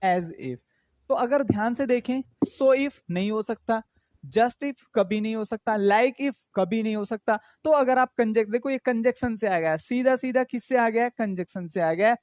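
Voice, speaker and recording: A man's voice: very high voice, a little slow, darkish tone, no echo. A man teaching an exam-prep English grammar class, explaining in with English terms and asking his students questions again and again.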